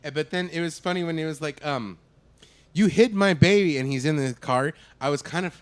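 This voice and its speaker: A man with a slightly raised pitch chats excitedly about a horror film he just watched. He swears freely and keeps acting out lines from the movie. The sound is dry and close. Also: fast, clear, resonant tone, no room sound. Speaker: co-host. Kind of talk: casual post-movie discussion.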